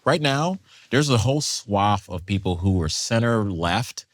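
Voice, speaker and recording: A man with a fairly low voice talks in a casual panel discussion, animated and quick to slip into acted-out quotes. He fills his sentences with plenty of fillers as he builds up his point. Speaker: panel guest.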